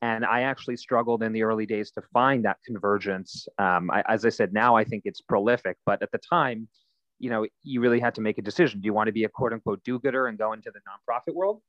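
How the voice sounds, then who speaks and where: A man in his thirties, a nonprofit founder, answering interview questions in a relaxed, storytelling way with frequent fillers. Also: fairly low pitch, fast talker, no echo, lo-fi sound.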